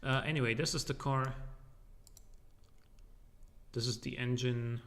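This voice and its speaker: A man chats casually through a game stream, rambling and joking with plenty of ums and uhs. His voice sits at an ordinary middle pitch. It bounces around a large living room cleared of furniture, so everything carries a big, hollow echo. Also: fairly even intonation, unhurried, a bit bright. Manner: rambling, loose and joking, with many fillers. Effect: echo from a large empty room. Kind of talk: casual live-stream commentary.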